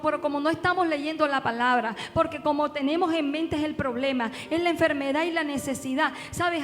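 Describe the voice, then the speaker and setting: A woman pastor preaching a sermon, asking her congregation one rhetorical question after another. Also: high-pitched. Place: church. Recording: long reverb with faint music.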